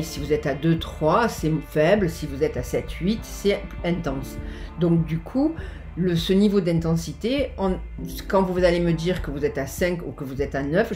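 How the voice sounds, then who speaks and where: A woman with a lower-pitched voice teaches a tapping routine, walking through each step patiently as she taps the points herself. Soft music plays faintly in the background. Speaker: EFT practitioner. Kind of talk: instructional explanation.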